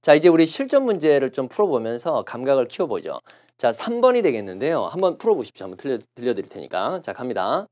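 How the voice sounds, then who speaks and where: Lively male English test lecturer. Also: medium pitch. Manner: explains patiently, repeats English phrases slowly to show pronunciation. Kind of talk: recorded classroom lecture.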